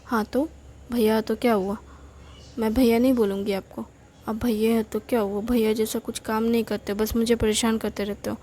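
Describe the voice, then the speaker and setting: Pouty, quarrelsome little girl from a storybook reading, fairly high and soft-toned , read by a woman. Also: flat delivery, normal speed, slight background noise, lightly acted. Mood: complaining. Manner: pouty, complaining. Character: cheeky young girl, quarrelsome little sister.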